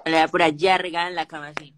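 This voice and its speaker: Young woman, lowish voice, joking around on a live with friends. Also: little pitch movement. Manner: joking, quick remarks. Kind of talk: casual livestream chat.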